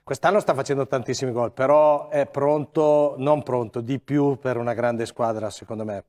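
Guy giving footy takes, kinda halting, repeats stuff, medium voice. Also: mid-range voice, steady tone, darkish tone. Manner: hesitant, repeats himself. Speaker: football pundit. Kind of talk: casual football talk show.

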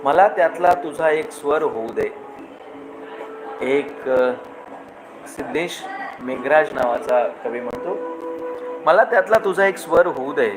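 A man's voice: a little high, lively intonation, takes it slowly, pauses often, music in the background. A male host reciting poems on a livestream. He repeats lines with rising emphasis. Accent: Marathi. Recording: noisy livestream recording.

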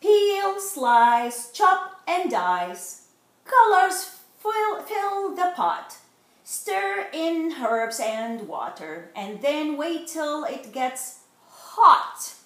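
Reading a picture book to children from her living room, a middle-aged woman stretches the rhyming words expressively in an animated read-aloud. Her high-sitting voice is sing-song and a bit bright, with drawn-out words, and the home recording is roomy.

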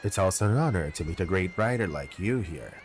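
A man voicing an aloof male detective who speaks in a low, terse and flat way. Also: brisk, soft background music.

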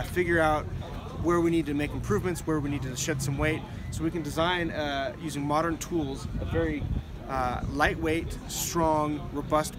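A man in his thirties from Oregon, walking a camera through truck gear at an outdoor expo, with plenty of "uh" fillers. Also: fairly high pitch. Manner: explains gear with many "uh" fillers, hands gesturing. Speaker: company representative at an off-road expo. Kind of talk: casual product walkthrough.

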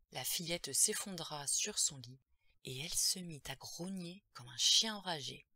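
A woman's voice: low voice, sharp tone, breathy edge, dry recording. A woman narrating a horror audiobook in a tense, dramatic storytelling manner.

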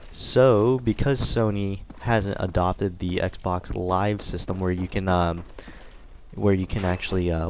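A man's voice: low-pitched, slight background noise. A young man giving casual, rambling commentary over a video game, thanking his viewers with many fillers and restarts. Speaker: gaming commentator. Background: game gunfire.

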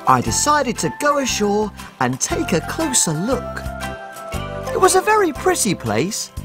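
An actor playing a tiny, excitable, cheerful cook, speaking in an exaggerated, animated children's TV storytelling manner. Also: male voice, extremely high pitch, unhurried, heavily acted. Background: music.

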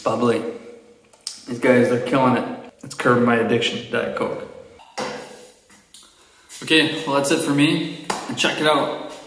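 A young man talks upbeat and chatty while filming himself at arm's length. His mid-pitched voice bounces around a bare, echoey basement room, with the roomy sound of an unfinished space. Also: measured pace, pauses often, fairly bright tone. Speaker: DIY vlogger. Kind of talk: casual vlog narration. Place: basement workshop, indoors. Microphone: handheld camera at arm's length.

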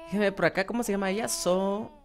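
With a medium-pitched voice, fairly even intonation, and a quick pace, a woman chats her way through gameplay for her channel, though a little hiss or hum sits in the recording. Her talk wanders, packed with fillers and restarts, and she keeps turning to viewers she calls "chicos."

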